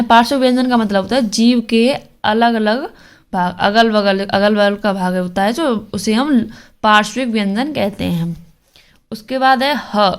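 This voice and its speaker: A woman teaching Hindi grammar for an exam, sounding out letters one by one and asking questions she answers herself. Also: a little high. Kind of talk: exam-prep lesson.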